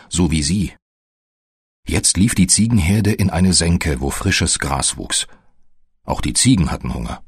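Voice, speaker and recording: A man narrating a story in a slow, measured way. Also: deep voice, slightly rough, dry recording, studio quality. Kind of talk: scripted audiobook narration.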